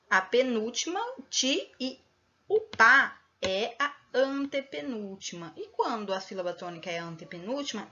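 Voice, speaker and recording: A woman's voice: medium pitch, bright, forceful tone, dull audio. A woman teacher with a Brazilian Portuguese accent, explaining a lesson to primary pupils patiently, stretching out stressed syllables and often adding tag questions. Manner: patient, drawn-out stressed syllables, frequent "né?" tags. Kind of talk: recorded remote class explanation.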